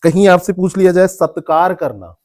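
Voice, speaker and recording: Man teaching a classroom, dark voice. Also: high-pitched, moderate pace. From India. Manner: explains word meanings, repeats terms, quizzes students by name. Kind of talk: classroom lecture.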